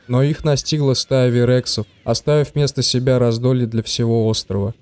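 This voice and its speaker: Smooth, mellow male story narrator. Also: medium pitch, dry recording. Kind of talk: scripted story narration of a video game plot.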